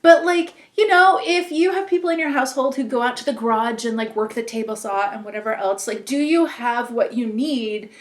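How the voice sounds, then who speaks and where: A woman with a higher-pitched voice co-hosts a podcast, talking briskly with few pauses and rambling casually with frequent filler words, all in an echoey room.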